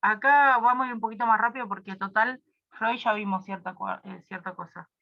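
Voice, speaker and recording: A woman's voice: on the high side, steady tone, brisk, gravelly, muffled recording. A young woman with a Rioplatense Spanish accent, tutoring a review class casually with many fillers and asides.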